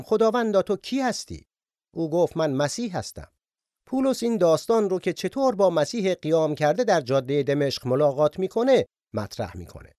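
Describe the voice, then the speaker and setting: A man teaching the Bible, retelling scripture scenes with lively quoted voices. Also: on the high side, no echo, clean studio sound.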